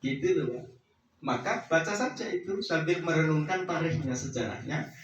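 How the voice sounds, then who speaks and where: A man gives a religious teaching talk to pilgrims, his voice a little high for a man. He speaks directly to his listeners and sinks into hushed prayer tones. The sound comes from far off through a very echoey space. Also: expressive, moderate pace, lo-fi sound, a crowd in the background. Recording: very echoey, from far off, faint ambience.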